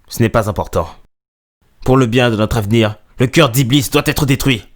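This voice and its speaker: A man's voice: medium pitch, moderate pace, very noisy, lightly acted. A man voicing an earnest, determined young male hedgehog in an amateur French game fan dub, with music behind him. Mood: stern. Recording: background music under the voice. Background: dramatic game music.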